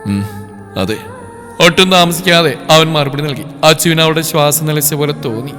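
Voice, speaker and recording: A man narrates a scripted story in a dramatic, even manner. His voice is bright and slightly high, and it trails off into a long reverb over faint music. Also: brisk.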